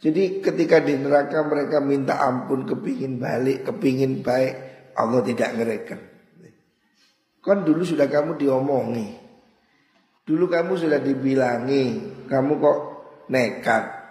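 A middle-aged man with a Javanese accent teaching a classical religious text, chanting scripture slowly and explaining it in a sermon. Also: mid-range voice, a little mellow. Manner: slow deliberate, chants Quranic verses. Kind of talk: traditional kitab study sermon. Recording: echoey hall with long reverb.

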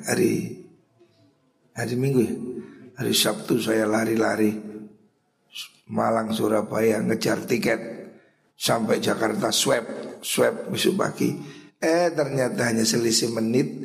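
A middle-aged man with a Javanese accent giving an informal religious lecture, talking conversationally and often clearing his throat. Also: medium pitch, roomy sound. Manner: conversational, mixes in regional phrases, frequent throat clearing. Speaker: Islamic preacher teaching a kitab study class.

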